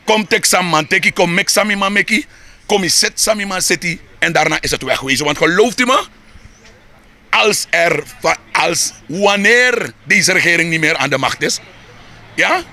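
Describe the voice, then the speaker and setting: Interviewee: heated Surinamese Dutch man, high-pitched and sharp-edged, rhetorical. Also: animated, moderate pace. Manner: heated, rhetorical, repeats words when building a point. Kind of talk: street interview.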